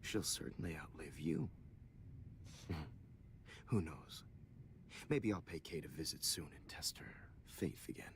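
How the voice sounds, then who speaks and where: An actor playing a middle-aged photography teacher turned killer in a video game, giving a slow, condescending villain monologue with breathy, hushed phrase endings. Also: male voice, very deep voice, expressive, whispered, exaggerated voice. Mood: taunting. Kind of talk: dramatic video game voice acting.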